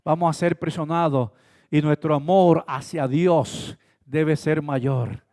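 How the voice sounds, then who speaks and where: A male pastor delivers a sermon in a high voice. He swings from loud, pressing emphasis to quiet asides. He acts out brief exchanges to make his points. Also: fairly even intonation, slow. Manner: preaching with sudden swings between loud emphasis and soft asides; acts out short dialogues in different voices.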